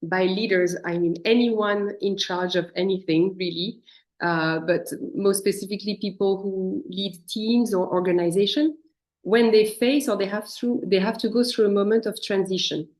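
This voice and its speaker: Woman guest speaker, leadership coach, reflective talk to a congregation over a video call, mid-range pitch. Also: steady tone, normal speed, a little mellow. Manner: reflective, invites listeners to picture their own experience. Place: speaking remotely from abroad.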